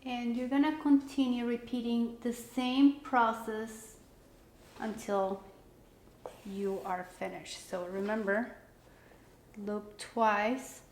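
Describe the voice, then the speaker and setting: A woman giving a casual step-by-step craft tutorial, talking in a relaxed way with many fillers and restarts. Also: mid-range voice. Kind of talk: casual how-to instruction. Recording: echoey room with faint background noise.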